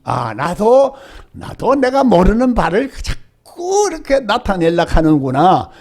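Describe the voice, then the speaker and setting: A man's voice: high voice, wildly swooping pitch, unhurried, a little mellow. An older male pastor with a Gyeongsang Korean accent, preaching a sermon and often asking the congregation rhetorical questions.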